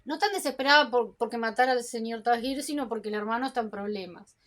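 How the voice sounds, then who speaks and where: A woman's voice: on the high side, quick pace, a bit bright. A woman casually recapping and commenting on a TV series, chatty and full of restarts and asides.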